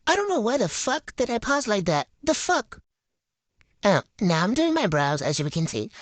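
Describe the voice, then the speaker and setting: A woman's voice: medium pitch, very animated, normal speed, no room sound. A young woman telling a casual, rambling, profane story, her voice run through a voice changer.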